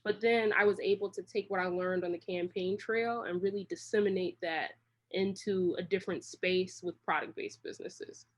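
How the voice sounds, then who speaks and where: A woman from Washington, D.C., speaks in a fairly low, steady voice at a moderate pace. She is a creative director appearing as an interview guest, and her casual answers turn into long, rambling stories.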